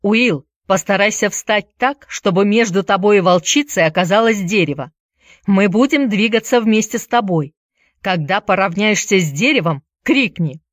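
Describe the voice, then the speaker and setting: A woman's voice: mid-range voice, lively intonation, measured pace, no echo, studio quality. A woman voicing a bold boy who gives curt orders to his friends. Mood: commanding. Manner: curt, commanding. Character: bold commanding boy leader.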